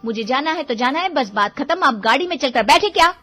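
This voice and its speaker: A woman's voice: high-pitched, lively intonation, a little fast, a bit bright, soft background music. A woman voicing a bossy, dramatic young wife in a cartoon, sassy and demanding. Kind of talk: cartoon voice acting.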